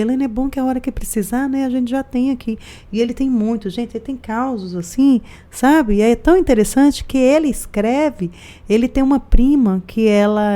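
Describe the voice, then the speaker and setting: A woman chatting expressively in a podcast conversation about a relative's stories. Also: medium pitch. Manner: chatty, expressive, quick to laugh. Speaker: guest. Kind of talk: casual conversation.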